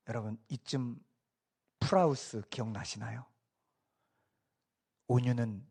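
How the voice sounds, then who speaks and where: A man's voice: medium pitch, breathy edge. A middle-aged man preaching a Sunday sermon as a pastor, telling stories and acting out the people he quotes. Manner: animated storytelling, acts out quoted voices.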